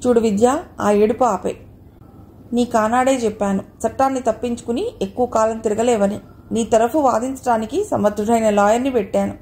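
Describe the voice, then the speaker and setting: A woman reader voicing a gentle young man who coaxes and teases his beloved in an audio novel. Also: a little high, steady tone, moderate pace, a little hiss or hum, natural voice. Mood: coaxing. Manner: coaxing, playful.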